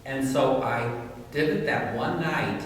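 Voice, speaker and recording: A man's voice: medium pitch, takes it slowly. A man answering on a drag performers' panel in a reflective, conversational way. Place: large reverberant room. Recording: very echoey hall, distant mic, faint noise.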